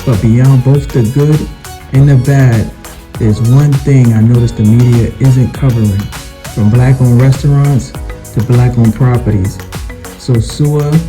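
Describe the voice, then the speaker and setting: A man narrating a scripted intro in a measured, deliberate way. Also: medium pitch. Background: guitar music.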